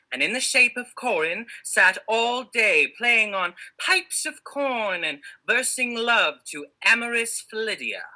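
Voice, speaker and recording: A woman's voice: on the high side, sharp tone, full character voice, poor audio. A woman playing a proud, wrathful fairy queen in hammy, theatrical Shakespearean verse on stage. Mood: haughty, jealous.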